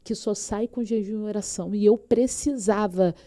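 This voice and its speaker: Brief: Brazilian woman pastor, mellow tone, fervent storyteller sharing her testimony. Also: mid-range voice, moderate pace. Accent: Brazilian Portuguese. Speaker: pastor, podcast guest. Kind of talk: personal faith testimony.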